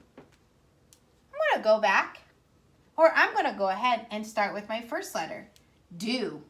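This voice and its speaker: A woman teaching kindergartners, speaking slowly and sounding out words for young children. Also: a little high, big pitch swings, a bit bright. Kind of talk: slow, clear classroom instruction.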